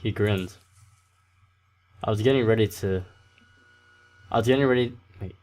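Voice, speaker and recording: A man with a fairly low voice reads game text aloud in a loose, casual way. He stumbles on words and corrects himself as he goes, in an unpolished gaming-video style. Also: moderate pace, a little mellow. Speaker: let's play host. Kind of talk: reading a visual novel aloud.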